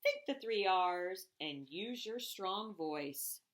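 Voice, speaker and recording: In an expressive, mid-range voice, a woman reads aloud from a rhyming children's picture book. The reading is deliberate and expressive, with phrases she emphasises.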